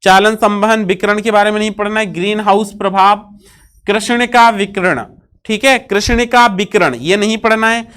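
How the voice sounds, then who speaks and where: A woman teaching a physics lesson, who repeats each point and asks questions that she answers herself, often pausing to check with "ठीक है". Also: mid-range voice, fairly even intonation, a bit bright. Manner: fills pauses with "ठीक है" checks. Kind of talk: classroom-style lesson.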